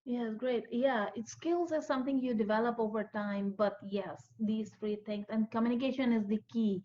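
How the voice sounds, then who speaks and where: Female interviewer, affirming and summarizing, slightly high pitch, lo-fi sound. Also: moderate pace, a little hiss or hum. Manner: affirming, summarizes the guest's points. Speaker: interviewer, host. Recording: dull lo-fi audio.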